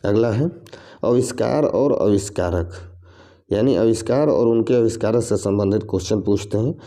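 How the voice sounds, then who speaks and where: A man teaches reasoning for entrance exams. His voice is low-pitched and very dark and mellow. He explains patiently, repeating each question and option before giving the answer. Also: normal speed. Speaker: exam coaching teacher. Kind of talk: reasoning lesson for competitive exams.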